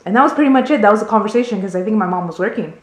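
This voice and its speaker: A woman's voice: mid-range voice, expressive, rapid-fire, reverberant. A young adult woman vlogging, telling a story in casual, rambling chat full of "like" fillers. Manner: chatty, rambling, many "like" fillers.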